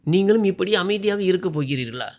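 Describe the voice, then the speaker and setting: A man's voice: high-pitched, expressive, brisk, voice pushed up. A man voicing a poor young village wife who pleads tearfully about her innocence in a told story. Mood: pleading.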